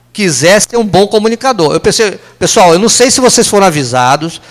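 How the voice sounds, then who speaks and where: His voice is high-pitched and a bit bright: a Brazilian man with a Brazilian Portuguese accent speaking at a company lunch talk before a live audience in an office meeting room. He chats casually, leans on the tag question "né?" and slips in fast aside jokes.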